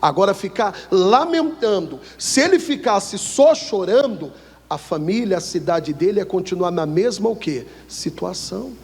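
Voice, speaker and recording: Male Brazilian pastor, high and husky voice, church sermon with call-and-response, long reverb. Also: animated, a little mellow. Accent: Brazilian Portuguese. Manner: call-and-response questions to the congregation; slow emphatic scripture reading. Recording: echoey hall with long reverb.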